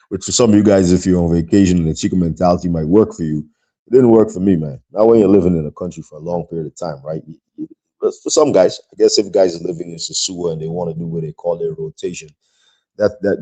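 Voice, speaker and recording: This is a man from Guyana hosting his own podcast alone, speaking in a low and mellow tone. His talk wanders loosely, peppered with filler words and side comments aimed at the audience.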